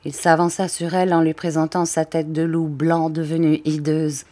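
Woman narrator, lowish voice, expressive audiobook reading of a classic novel.

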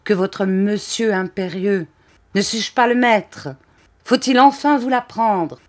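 A woman voices a ranting, paranoid middle-aged count from a novel, shouting bitter accusations with a menacing mood. Her delivery is slow, in a mid-range voice.

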